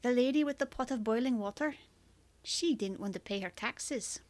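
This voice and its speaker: A woman's voice: fairly high pitch, moderate pace, darkish tone, close to an everyday voice. A woman reading the part of a teasing, easygoing young man in an audiobook.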